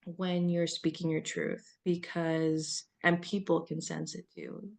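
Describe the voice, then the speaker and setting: Softly gravelly woman coaching gently. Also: sits low, little pitch movement, takes it slowly. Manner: gentle, meandering, with soft laughs and many fillers. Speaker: spiritual coach. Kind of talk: reflective self-help talk.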